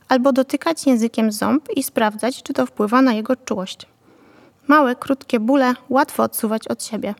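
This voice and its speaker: A woman narrating a novel in a calm, even storytelling manner. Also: fairly high pitch, long reverb tail. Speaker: audiobook narrator.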